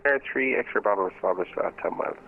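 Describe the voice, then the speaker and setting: Pilot over the radio: gravelly low male voice, husky, clipped readbacks on a tinny radio line. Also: fast talker. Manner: clipped procedural phrasing.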